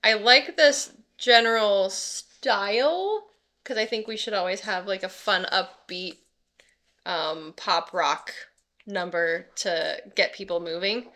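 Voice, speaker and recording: A woman hosting a casual reaction chat with friends, laughing often and tossing in quick asides. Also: mid-range voice, pushed and bright. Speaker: channel host.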